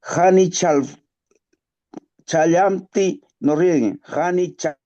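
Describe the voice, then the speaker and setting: Student reading verb lists real slow over a muffled call, dark mellow tone. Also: medium pitch. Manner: careful, halting recitation. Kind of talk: reading verb drills aloud.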